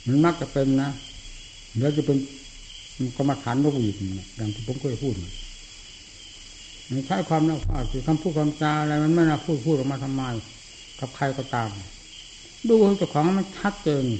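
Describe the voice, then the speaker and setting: An older man, a Buddhist monk, giving a blunt, forceful dhamma talk in answer to a disciple. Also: on the high side, moderate pace, long pauses, a little hiss or hum, poor audio.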